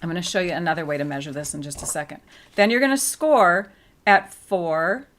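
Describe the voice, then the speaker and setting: A woman's voice: lowish voice, a little fast, a bit bright. A woman giving a casual paper-craft tutorial, chatty and explaining each step with frequent fillers.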